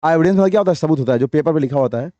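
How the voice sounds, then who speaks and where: An English teacher gives a classroom grammar lesson in a high, mellow voice with lively intonation, reading English sentences out slowly and then explaining briskly. He coaxes his students, quizzing them with repeated questions and pressing for answers. The recording is dry and close with no room sound, and the highs are cut off.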